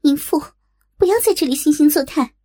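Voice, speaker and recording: A woman's voice: high voice, fairly quick, mellow, pitched above the performer's own voice, lightly acted. A woman voicing a proud young captive woman in a storybook, speaking indignantly. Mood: scornful. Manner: indignant, trembling.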